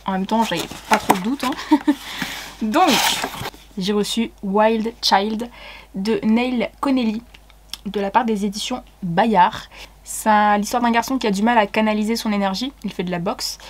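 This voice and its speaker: Chatty woman unboxing books. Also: mid-range voice. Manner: chatty, giggly, excitable, many fillers. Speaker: book vlogger. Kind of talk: casual unboxing chat.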